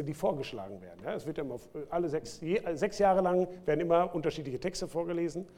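Animated German pastor preaching. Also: male voice, on the high side. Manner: lively preaching with sudden loud bursts and quiet drops. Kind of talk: sermon. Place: church.

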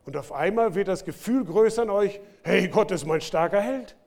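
A man preaching a sermon to his congregation, speaking with lively swings between loud bursts and quiet asides. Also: high voice, normal speed, gravelly. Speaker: pastor. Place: church.

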